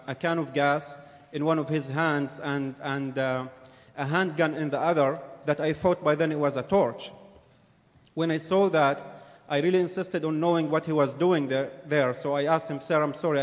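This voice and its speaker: Earnest man testifying in a reverberant hall. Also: a little high. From Jordan. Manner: earnest, halting with repeated words. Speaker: witness giving testimony. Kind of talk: formal public testimony. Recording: reverberant hearing room.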